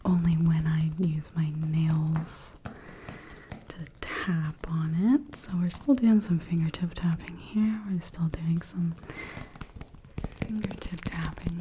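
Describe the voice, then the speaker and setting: A woman's voice: deep voice, steady tone, takes it slowly, background noise. A woman whispering repetitive ASMR trigger phrases over tapping and lid sounds. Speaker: ASMR creator.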